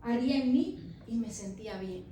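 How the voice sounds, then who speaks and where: A woman's voice: on the high side, normal speed, warm tone. A woman pastor in her thirties preaching a sermon with emphatic delivery, addressing the congregation as brother. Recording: echoey church from far off, faint noise.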